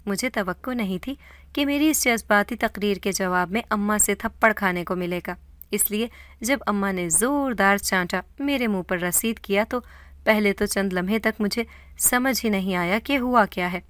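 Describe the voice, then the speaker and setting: A woman narrating a scripted horror story in a dramatic, steady way. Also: mid-range voice, no room sound.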